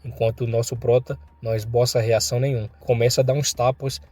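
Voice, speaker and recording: Brazilian male recap narrator, mellow, mid-pitched voice; acts out the lines with bursts of pitch. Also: level tone, quick pace, no room sound. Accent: Brazilian Portuguese. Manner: voices thug dialogue with rising pitch and force.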